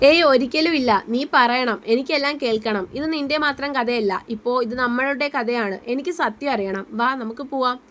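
A woman voicing a gentle, caring young man who speaks softly and reassuringly. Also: fairly high pitch, fairly quick, hardly any pauses, natural voice. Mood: tender. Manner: soft reassuring.

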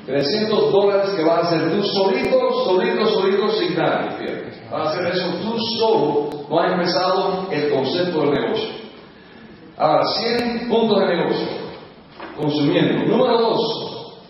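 A man in his sixties from the United States gives an emphatic, coaxing sales seminar talk in a fairly high voice. He is heard from across a large hall, with long ringing reverb. The sound is dull and muffled. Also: moderate pace, distant mic, a little hiss or hum. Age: 60s. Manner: emphatic, coaxing, keeps saying "look". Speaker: business opportunity speaker.

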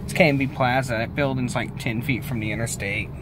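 An American man thinking aloud in an unhurried, casual way as he gives a rambling driving commentary. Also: mid-range voice, fairly even intonation. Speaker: vlogger driving. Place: inside a moving car. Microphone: handheld phone. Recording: loud car and road noise.

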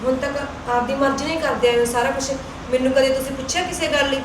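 A high-pitched young wife, played by a woman, who argues with her household and plots aloud to herself in a family drama. The recording carries faint background ambience. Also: fairly even intonation, fast, background noise, lightly acted. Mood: arguing. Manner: argumentative, self-talk plotting. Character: scheming young wife guarding her son's land. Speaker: daughter-in-law. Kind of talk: Punjabi web-series acting.

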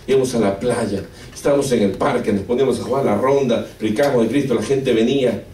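A man's voice: medium pitch, fast, mellow, slight background noise. A man from Argentina with an Argentine accent, telling an emotional testimony in a sermon and often calling his listeners brother. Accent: Argentine Spanish. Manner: asks rhetorical questions of the audience. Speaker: preacher giving a testimony. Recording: echoey room, mic far off.

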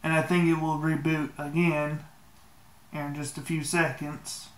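A man with a fairly high voice walks viewers through a phone fix in a laid-back, joking tone, swearing now and then. His voice bounces around an echoey room. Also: flat delivery, a little slow. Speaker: tech tutorial maker. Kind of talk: casual screen-recorded walkthrough.

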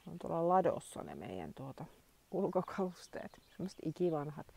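A woman in her forties talks casually to her phone camera around her countryside home, thinking aloud and filling pauses as she goes. Her voice sits fairly low and sounds dry and close, with little room around it. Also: very animated, creaky, mellow, husky, dry recording. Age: 40s. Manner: chatty, thinks aloud with many fillers. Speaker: vlogger. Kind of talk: casual vlog chat. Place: rural home and yard.

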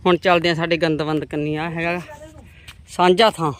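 A woman's voice: deep voice, little pitch movement, normal speed. A woman, chatting homely to viewers as she walks outdoors through her farm's vegetable plots. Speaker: vlogger. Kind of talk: casual farm vlog talking to viewers.

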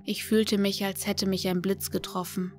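A woman narrates a first-person horror audiobook in a scripted, measured reading. Her voice stays flat and level, barely rising or falling. Faint music plays behind her. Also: mid-range voice.

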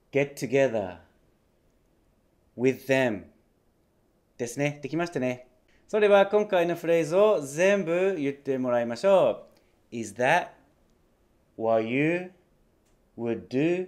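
Guy teaching english pronunciation, kinda high voice, clear and patient, repeats stuff slow. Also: a little mellow. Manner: clear, patient, repeats phrases slowly for practice. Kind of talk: language lesson.

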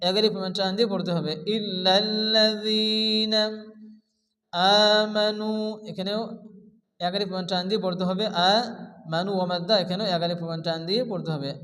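A man teaching Quran recitation, chanting verses slowly and melodically, then explaining pronunciation rules in quick spoken asides. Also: high voice, steady tone, bright, forceful tone, in a large hall, poor audio. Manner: slow sung recitation alternating with quick explanations.

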